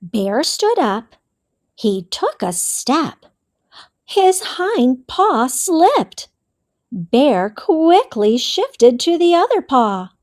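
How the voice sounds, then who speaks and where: Casting: woman storybook reader for kids, high, lively voice, unhurried and expressive. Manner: slow, expressive, addressing children. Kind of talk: reading a picture book aloud to children.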